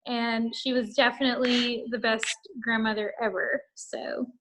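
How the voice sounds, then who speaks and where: A woman in her thirties sharing fond family memories of her grandmother in a halting, casual way, with many fillers and restarts. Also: fairly high pitch, little pitch movement, a bit bright, slight background noise, low-quality recording. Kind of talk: casual spoken tribute.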